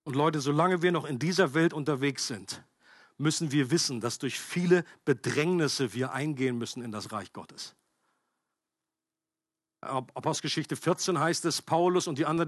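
A man's voice: fairly high pitch, normal speed, a bit bright, no echo, studio quality. A man preaching a sermon, reading a story aloud and then speaking earnestly and in a subdued way.

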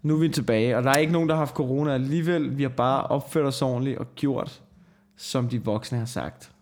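Male co-host, crude, animated ranter, casual podcast banter. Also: mid-range voice. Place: office.

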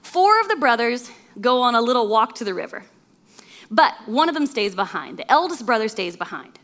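A woman preacher with a high, bright voice tells a parable to her congregation, her pitch leaping up and down as she goes. She keeps the story moving with lively asides and frequent little chuckles. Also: moderate pace. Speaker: guest preacher. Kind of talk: storytelling sermon.

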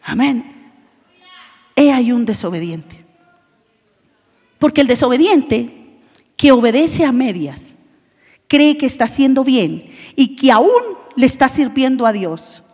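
A woman preaching a sermon with passion, swinging between shouted lines and low, intense asides. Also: sing-song, slow, long pauses, slightly rough. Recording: long reverb of a large hall.

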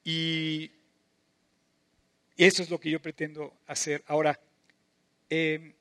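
A middle-aged preacher man with a notably high voice delivers a sermon. He is impassioned, rising to loud emphatic bursts, then dropping to soft, drawn-out phrases. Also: little pitch movement.

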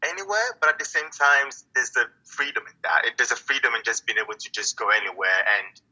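Brief: male poet guest from Italy, bright raspy tone, reflective and halting, lo-fi call sound. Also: mid-range voice, lively intonation. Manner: reflective, halting, many restarts and fillers. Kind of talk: casual interview talk.

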